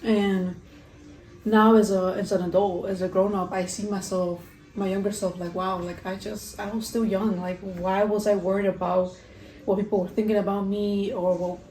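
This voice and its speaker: Her mid-range voice is a little mellow and flat, at normal speed, as this young woman eats and answers questions in a mukbang vlog. The casual chat rambles with frequent "like," and it was recorded in a spacious home kitchen with echo and faint background noise.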